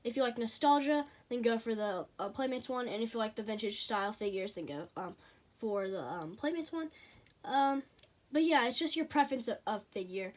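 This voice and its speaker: This clip features a teenager whose voice sounds high and childlike, going over toy figures in an offhand review. The speech is hesitant, broken up by frequent pauses and fillers.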